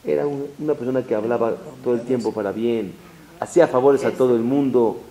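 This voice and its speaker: A man, a rabbi giving a religious lesson in an animated, emphatic way, with Hebrew phrases mixed in. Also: mid-range voice, fairly quick. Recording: roomy echo.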